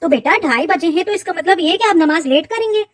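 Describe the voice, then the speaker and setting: A woman playing a gentle, pious mother who patiently teaches her son. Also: very high-pitched, lively intonation, fast talker, dry recording. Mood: gently teaching. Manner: patient, warmly instructive. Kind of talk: children's moral short film acting.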